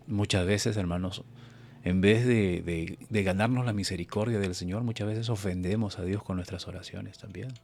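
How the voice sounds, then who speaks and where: Gravelly, husky male preacher. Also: low-pitched, fairly even intonation, normal speed, a little mellow. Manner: earnest, exhortative, addresses listeners as brothers. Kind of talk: Bible study sermon on a live stream.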